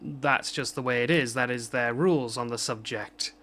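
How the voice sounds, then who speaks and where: Bright-voiced man ranting off the cuff. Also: medium pitch, fairly even intonation, moderate pace. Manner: rambling, self-mocking, full of restarts. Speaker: vlogger. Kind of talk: unscripted rant.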